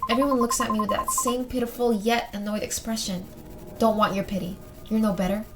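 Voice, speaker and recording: A woman's voice: fairly high pitch, steady tone, a little fast, heavy background noise, lightly acted. A woman voicing the weary young heroine of a dating game, muttering guarded, self-doubting thoughts in a subdued tone. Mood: annoyed.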